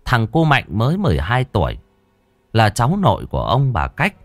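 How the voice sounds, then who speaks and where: A man narrating a horror story in a dramatic, expressive way. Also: fairly low pitch, moderate pace, dry recording, soft background music.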